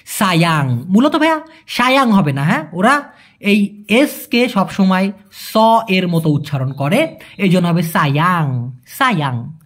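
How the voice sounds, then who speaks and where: A man teaching a language in a casual lesson. He repeats phrases slowly and then explains them quickly, answering viewers' questions. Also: sits high.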